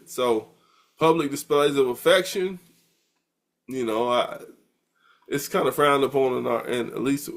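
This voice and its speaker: A middle-aged American man delivering a university lecture in an easygoing, conversational style. His voice sits at an ordinary male pitch, and he often doubles back on words, restarting phrases as he thinks aloud. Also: unhurried, creaky, long pauses. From United States. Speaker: university professor. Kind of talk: recorded lecture.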